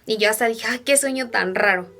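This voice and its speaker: A woman's voice: a little high, a little fast, fairly bright tone, a little hiss or hum. A young woman telling personal stories to camera in a chatty way, full of fillers and asides to her viewers. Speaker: vlogger.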